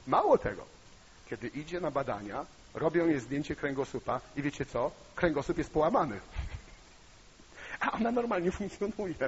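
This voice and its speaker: A man preaching a sermon, telling a personal story with emotion and rising to loud, impassioned peaks. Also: a little high, a little hiss or hum. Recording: muffled sound with long hall reverb.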